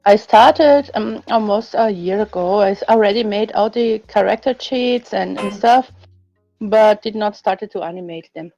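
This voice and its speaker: A woman's voice: mid-range voice, moderate pace, vocal fry, warm tone, highs cut off, soft background music. A woman on voice chat, speaking hesitantly and searching for her words. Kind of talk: casual voice-chat conversation.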